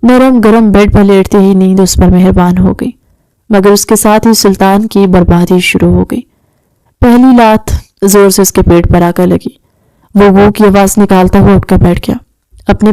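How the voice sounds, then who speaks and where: A woman reading an audio novel aloud in a steady storytelling manner. Her voice is mellow and warm, recorded dry and close. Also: mid-range voice, smooth, dry recording. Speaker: audiobook narrator. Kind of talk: scripted narration of an Urdu novel.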